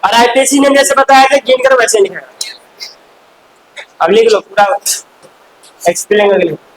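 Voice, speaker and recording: A male chemistry teacher in a classroom, firing quick questions at students and scolding them in chatty asides. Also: extremely high pitch, a bit bright, poor audio. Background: faint hiss.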